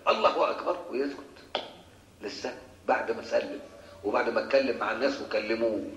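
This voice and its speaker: Speaking quickly in a mid-range, slightly bright voice, this man with an Egyptian Arabic accent is a sheikh fielding worshippers' questions during a colloquial lecture in a mosque. He throws rhetorical questions at the audience. The sound is lo-fi and reverberant, with a little background noise.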